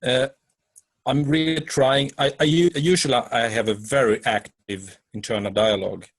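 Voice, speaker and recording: Brief: a man with a husky voice in a dry, close recording, hesitant and halting as he asks a question. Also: medium pitch, steady tone, no room sound. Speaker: audience member asking a question.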